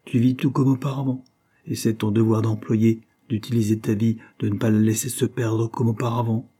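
A man reading an audiobook, voicing a calm, loyal young man who lectures his friend. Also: on the low side, normal speed, breathy edge. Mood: earnest. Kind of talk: audiobook character voice.

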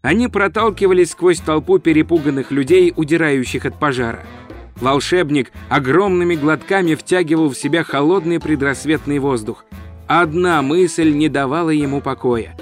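A man reading a humorous fantasy novel aloud as audiobook narrator, steady and measured. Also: a little high, soft background music.

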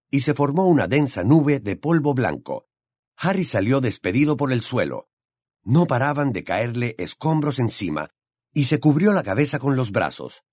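A man narrating an audiobook with an expressive, dramatic reading. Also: mid-range voice, no echo, clean studio sound.

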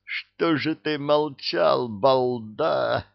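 A man voicing a scheming, excitable male swindler in an audiobook, with a whiny manner. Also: medium pitch, slow pace, no room sound, muffled recording, pitched above the performer's own voice. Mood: groaning.

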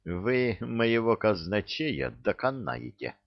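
A man voicing a stern, irritable tsar with a gruff, commanding manner, in an audiobook. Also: fairly low pitch, very animated, a little slow, no room sound, muffled recording.

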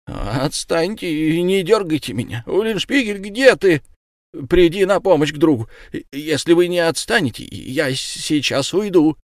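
A man's voice: fairly high pitch, animated, a little slow, no echo, clean studio sound, voice pushed up. A man playing a fat, whining, frightened fellow. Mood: whining protest. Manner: pleading, plaintive, squealing. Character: plump, timid, whining middle-aged man. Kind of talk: audiobook reading.

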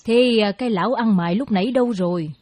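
An actress playing a practical, scolding older village wife who speaks brisk and dismissive. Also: female voice, on the high side, darkish tone, no room sound, close to an everyday voice. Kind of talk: radio play acting.

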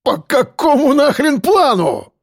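A man's voice: very high voice, big pitch swings, a little slow, creaky, no echo, clean studio sound, pitched above the performer's own voice, exaggerated voice. A man voicing a furious, foul-mouthed middle-aged male mayor who bellows and bullies. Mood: raging. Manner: bellowing, cursing, bullying.

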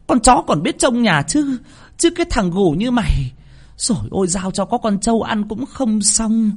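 A cruel landlord's wife with a piercing, high, screeching voice that swings wildly as she scolds, put on by a male storyteller. She sounds harsh and domineering, like a spiteful mistress of a rural household in a spoken ghost story. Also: animated, moderate pace, husky, exaggerated voice. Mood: scolding. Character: shrill, cruel landlord's wife, middle-aged.

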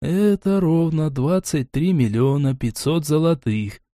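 Guy playing a fussy polite gnome bookie, formal and precise, kinda high voice. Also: animated, unhurried, warm tone, no room sound, studio quality. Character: pedantic male gnome bookmaker, patient and formal. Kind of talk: audiobook character voice.

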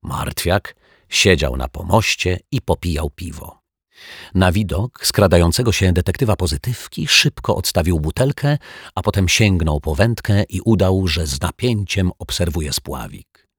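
A man narrating a children's audiobook in an expressive, measured storytelling manner. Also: low-pitched, husky, no room sound, clean studio sound. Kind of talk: scripted narration.

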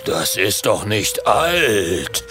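Man doing a slow, booming grumpy dragon. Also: big pitch swings, bright, forceful tone, faint music behind, full character voice. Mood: grumbling. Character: huge grumpy hungry dragon, male.

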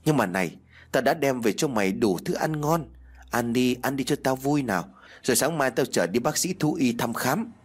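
A man's voice: mid-range voice, expressive, normal speed, slightly rough. Man doing a carefree young student. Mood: coaxing. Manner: calling out loudly, then coaxing softly. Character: carefree young male student, fond of his dog.

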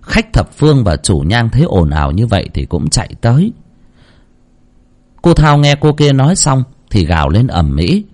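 A man narrating a horror story with dramatic, expressive delivery. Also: medium pitch, normal speed.

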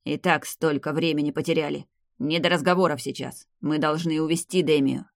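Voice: medium pitch, fairly even intonation, fairly quick, creaky, no echo, clean studio sound, natural voice. A reader voicing a stern, commanding old male clan head in an audiobook, barking out orders. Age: older. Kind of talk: audiobook character voice.

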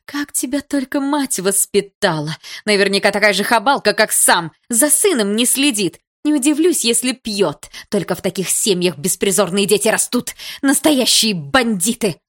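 A woman voicing a haughty, furious middle-aged mother who screams insults in a high, loud voice. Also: expressive, moderate pace. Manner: screeching, contemptuous, insulting.

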